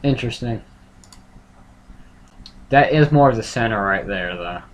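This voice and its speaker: A man hosting a casual livestream, rambling and thinking aloud in a halting, self-correcting way. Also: mid-range voice, lively intonation. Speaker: livestream host tracking a tropical storm. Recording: clear background noise, room ambience.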